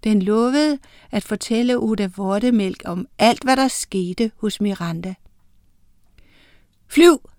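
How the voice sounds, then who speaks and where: Woman reading a kids' story aloud, medium pitch, dry close sound. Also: a little mellow, dry recording. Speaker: narrator.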